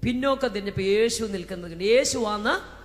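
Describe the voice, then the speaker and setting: A woman preacher from Kerala giving a fervent Pentecostal sermon. She swings between shouting and hushed talk and breaks into speaking in tongues. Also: mid-range voice, a little fast. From Kerala, India. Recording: echoey hall with faint music.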